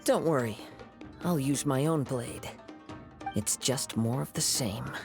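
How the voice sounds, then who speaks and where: A man voicing a calm, soft-spoken young wandering swordsman for a video game, with measured, formal phrasing. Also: mid-range voice, gravelly. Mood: calm, resolute. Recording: game music behind.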